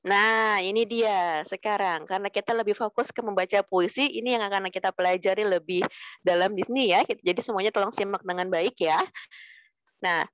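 A woman teaching children how to read poetry aloud, speaking gently and slowing down to demonstrate clear pronunciation. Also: mid-range voice, dry recording. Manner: gentle, calls pupils "sayang" and "Nak", slows to demonstrate. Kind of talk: poetry reading lesson for children. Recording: dry, muffled lo-fi recording.

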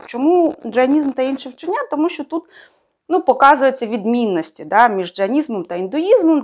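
A young woman with a fairly high voice gives a casual spoken review of a book. She thinks aloud as she goes and often stops on fillers and corrects herself. Her tone stays plain and conversational.

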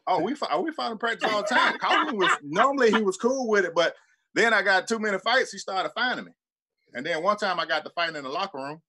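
A man's voice: sits high, fast, breathy edge. A man from Birmingham, Alabama with a Southern accent, a former football player telling loose, profane stories as a guest on a sports talk show. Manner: animated, profane, loose storytelling with lots of "like".

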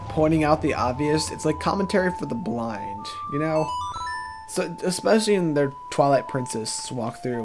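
A man giving casual, joking walkthrough commentary over gameplay, rambling into self-deprecating asides. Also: fairly high pitch. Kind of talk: casual let's-play commentary. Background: game music.

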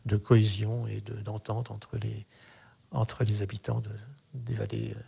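Older man, low husky voice, hesitant interviewee at a studio mic. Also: level tone, warm tone. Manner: measured, hesitant with many fillers. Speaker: festival association president. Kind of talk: radio interview. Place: radio studio. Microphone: studio mic on boom arm.

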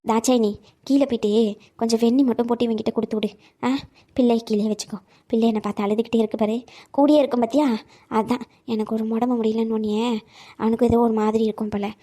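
A woman voicing a frail elderly grandmother who talks in a soft, tired and coaxing way in a cartoon. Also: fairly high pitch, fairly even intonation, quick pace, close to an everyday voice. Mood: weary. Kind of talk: cartoon voice acting.

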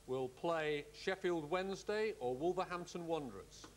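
A middle-aged man hosting a televised cup draw, speaking in a measured, courteous, official way. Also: on the high side, a little hiss or hum. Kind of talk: formal live announcement. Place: studio-style hall set with audience.

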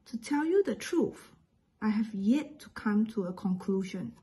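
A woman's voice: medium pitch, expressive, measured pace, heavy background noise. A woman from Singapore with a Singaporean accent, patiently explaining English phrases and pronunciation step by step as a teacher.

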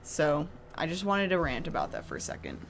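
A woman's voice: deep voice, wildly swooping pitch, a little fast, slight background noise. A woman hosting a horror reaction video who comments casually, ranting and exclaiming in fright.

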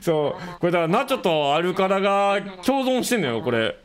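Lively Kansai man chatting on stream. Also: sits high, a little fast. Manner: laughing, gushing and exclaiming. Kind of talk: casual chat reacting to a video.

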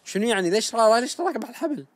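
A man giving excited let's-play commentary, shouting his reactions. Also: extremely high pitch, very fast, no room sound. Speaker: gaming youtuber.

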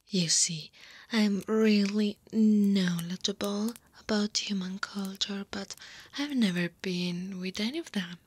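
In an intimate ASMR roleplay, a woman from Italy whose first language is Italian plays a flirty slime monster woman, speaking slowly, breathily and often in a half-whisper, teasing and playful. Her mid-range voice sounds seductive and possessive. The recording has no echo but clear background ambience noise.

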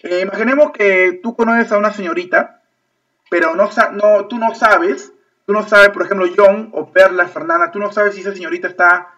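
A Peruvian man with a high, bright voice teaches an online class, repeating himself and checking after nearly every phrase that his students are following. His voice sounds distant from the microphone through thin, lo-fi video-call audio. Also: steady tone, moderate pace. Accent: Peruvian Spanish. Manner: repetitive, checks understanding with constant "ok?". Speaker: English teacher.

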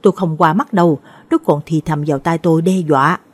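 A woman voicing a gruff, alarmed middle-aged village man describing a ghostly attack. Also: low-pitched, steady tone, brisk. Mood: urgent.

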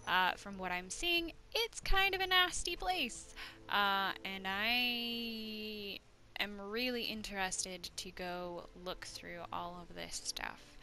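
A woman's voice: mid-range voice, pushed and bright. A woman hosting a casual let's play, thinking aloud as she commentates. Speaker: host of a gaming channel.

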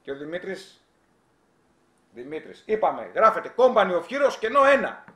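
Man, live-stream host, high voice, teasing and animated, echoey room. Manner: teasing, animated, reads chat aloud. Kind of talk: casual live-stream chat.

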